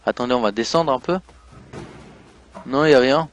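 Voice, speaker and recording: A man giving let's play commentary while playing a game, excitable, swinging from mumbled asides to loud outbursts. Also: mid-range voice, normal speed, faint music behind. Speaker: gaming YouTuber.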